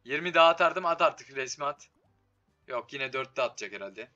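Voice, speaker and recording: A man's voice: mid-range voice, animated, normal speed, sharp tone, dull audio. A man doing casual, slangy live commentary on a slot game, swearing and talking to it, his voice giving out from being a bit sick. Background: game music.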